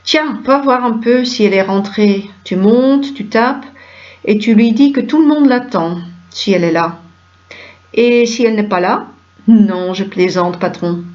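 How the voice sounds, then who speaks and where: A woman's voice: medium pitch, darkish tone. Woman reading a stage play aloud. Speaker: reader of a play script. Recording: dull lo-fi recording.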